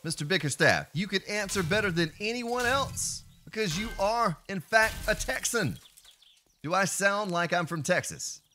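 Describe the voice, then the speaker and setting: A man streams a survival game as a let's play, chatting playfully with viewers and lapsing into joking mock voices and bits of song. His voice sits high at a moderate pace, with slight background noise.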